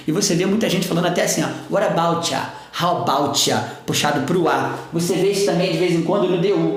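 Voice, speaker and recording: A Brazilian Portuguese-speaking man teaching an English pronunciation lesson, patiently repeating example words. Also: on the high side. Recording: very echoey room.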